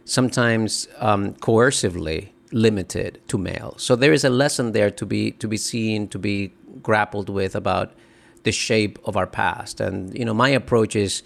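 A middle-aged author from the Dominican Republic, speaking with a fairly low voice and vocal fry, answers interview questions as a guest. His replies are halting and thoughtful, with many restarts.

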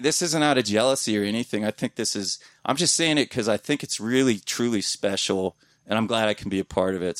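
This heartfelt guest podcaster from the Columbus, Ohio area rambles through a casual talk at a community gathering, often restarting and swearing offhandedly. His voice is medium in pitch. The recording is dry with no room sound.

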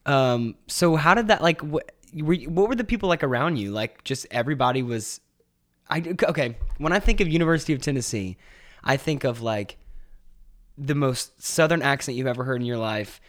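A man's voice: mid-range voice, animated, normal speed. A man hosting a casual interview podcast, chatty and rambling with lots of fillers and restarts, from Georgia in the US. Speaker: podcast host.

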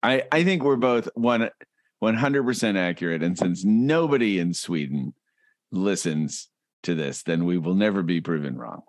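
A man co-hosting a comedy podcast, trading dry jokes and quick banter in casual chat. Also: deep voice, expressive, no echo. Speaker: podcast co-host.

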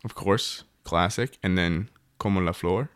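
A man with a very deep voice chats casually on a podcast, easygoing and self-deprecating. The sound is dry and close, with no room around it. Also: a little slow, a bit bright, clean tone, no room sound. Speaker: podcast co-host. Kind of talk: casual chat.

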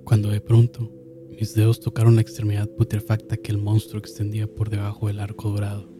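A man narrating a horror story in a slow, solemn manner, dropping to a hush and swelling again. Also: fairly low pitch, completely flat delivery, over music. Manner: slow, solemn, with hushed drops and sudden swells. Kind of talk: dramatic horror story reading.

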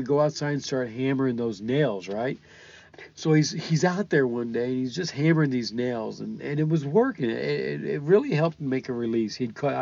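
Gravelly older man telling his story. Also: mid-range voice, a little mellow, highs cut off. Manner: halting, repeats words, earnest. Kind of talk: personal storytelling.

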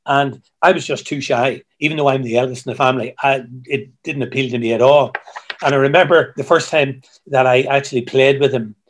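A man, a musician guest who tells stories in a halting way, repeating words, heard over a video call. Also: medium pitch, fairly even intonation. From Ireland. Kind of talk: casual interview chat.

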